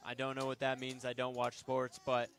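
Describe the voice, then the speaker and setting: A man's voice: medium pitch, completely flat delivery, moderate pace, vocal fry, a bit bright. Young man rambling through poker commentary. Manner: joking, rambling, with fillers. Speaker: stream commentator. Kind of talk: casual poker stream commentary.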